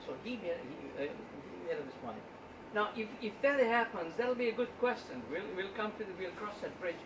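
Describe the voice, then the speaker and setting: A high-pitched, animated man from Uganda, a statistician, gives an informal guest talk at a book club at normal speed, often stumbling and repeating words. He's in an indoor meeting room, and the recording sounds roomy and distant with background noise.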